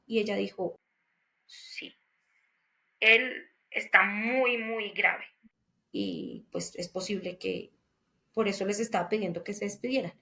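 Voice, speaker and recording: Emotional woman telling a family story. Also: on the high side. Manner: emotional, faith-filled storytelling with frequent restarts. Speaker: daughter telling her father's story. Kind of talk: personal testimony.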